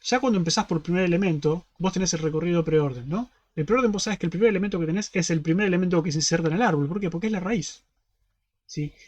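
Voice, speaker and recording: High-voiced Rioplatense man teaching a class. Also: quick pace, a little mellow, muffled recording. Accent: Rioplatense Spanish. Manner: step-by-step, constantly checking in with "¿sí?". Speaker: university teaching assistant. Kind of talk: online class explanation.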